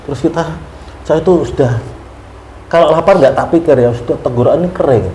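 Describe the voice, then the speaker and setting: A man telling a long story in a casual interview, animated, often laughing and acting out his prayers. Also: fairly high pitch, fast talker. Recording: roomy room with faint ambient noise.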